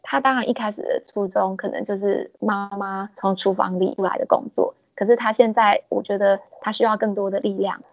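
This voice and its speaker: A woman, being interviewed and telling lively stories about her work. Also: medium pitch, fairly quick, gravelly, hardly any pauses, no room sound. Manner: lively anecdotal storytelling, acts out quotes. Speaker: interviewee, peanut business owner. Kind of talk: interview storytelling. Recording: dull lo-fi dry recording.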